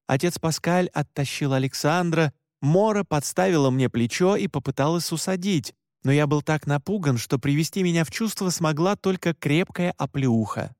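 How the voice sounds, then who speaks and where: A man narrating a first-person audiobook in an expressive, dramatic way on a close mic. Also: on the high side, normal speed, few pauses, dry recording.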